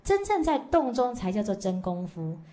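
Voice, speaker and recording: A woman's voice: mid-range voice, big pitch swings, dark tone. A woman Buddhist teacher giving a dharma lecture to a class, telling stories and tagging her sentences with short fillers. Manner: storytelling with frequent "好" and "哦" tags; slow measured chanting leader at the close.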